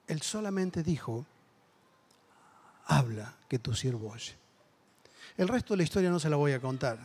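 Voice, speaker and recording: A man's voice: on the high side, a little mellow. A man with a Rioplatense Spanish accent preaching a sermon, telling a story with acted-out voices and building to emphatic exhortation.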